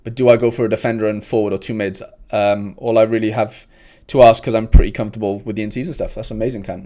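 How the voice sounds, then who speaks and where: A young host with a South Welsh accent keeps his livestream casual, chatting easily with viewers and dropping "mate" often. He's from South Wales, and his voice is mid-range with a darkish tone.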